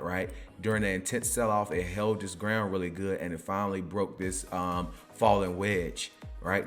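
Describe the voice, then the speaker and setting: A man hosting a finance video, walking through price charts in a casual, rambling way and asking "right?" after nearly every phrase. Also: sits low. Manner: says "right?" constantly, restarts, excited bursts.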